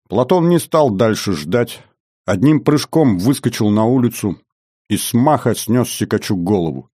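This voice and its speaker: A man narrating an adventure audiobook in an even storytelling manner. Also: medium pitch, no echo, studio quality.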